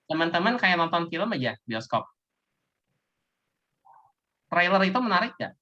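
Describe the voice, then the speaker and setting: A man giving a casual sales coaching talk, lively, acting out sales pitches to his audience. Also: moderate pace. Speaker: business presenter. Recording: dull lo-fi recording.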